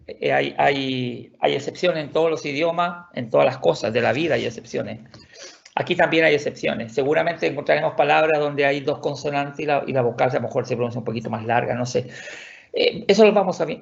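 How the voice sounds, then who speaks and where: Man, online language teacher, patient, repetitive explainer; gravelly, dull lo-fi recording. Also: fairly high pitch. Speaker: Swedish teacher. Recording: dull lo-fi audio.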